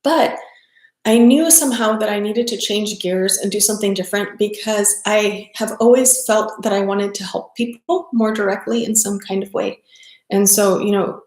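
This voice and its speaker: A woman's voice: medium pitch, darkish tone. A middle-aged woman from South Texas, a yoga teacher, talking casually on a livestream in a chatty, rambling way with many ums and self-corrections. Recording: echoey room.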